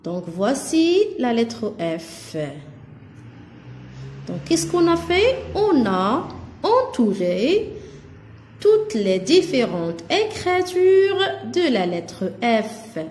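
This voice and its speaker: Woman, schoolteacher for small kids: slow, clear, bouncy delivery, recorded in an echoey room. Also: high-pitched, big pitch swings, a little mellow, a little hiss or hum. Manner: slow, clear syllable-by-syllable teaching. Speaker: teacher. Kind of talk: first-grade lesson for children.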